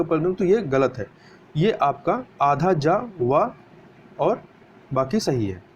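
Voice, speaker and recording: A man teaching a spelling lesson for exam preparation, explaining step by step and answering his own questions. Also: fairly high pitch. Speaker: Hindi grammar teacher. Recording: dull lo-fi recording with faint hiss.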